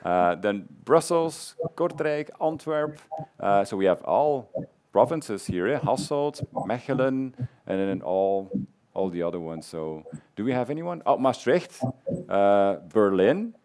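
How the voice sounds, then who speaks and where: A man's voice: fairly low pitch, sing-song, measured pace, a little mellow. A man in his thirties hosting on a conference stage, moderating a live audience poll in an upbeat way, laughing easily, speaking into a headset mic.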